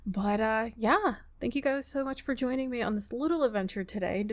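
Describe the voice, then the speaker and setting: Brisk and slightly high-voiced, a woman hosts a gaming video, chatting playfully and reading the game's text aloud while half talking to herself. She's right up on a microphone with no pop filter, and music plays behind her.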